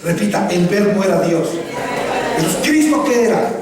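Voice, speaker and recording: Preaching a sermon in an echoey hall, a man with a high-pitched, expressive voice speaks at a moderate pace while a crowd murmurs behind him. He quizzes the congregation and has them repeat his words. His voice sounds far off, with faint ambience.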